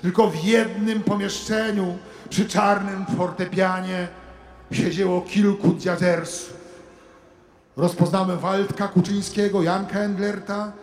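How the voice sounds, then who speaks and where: A man delivering a satirical sermon monologue as a comic preacher, theatrical, moving from hushed asides to shouted preaching. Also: high-pitched, little pitch movement, a little slow, echoey room, big-room sound.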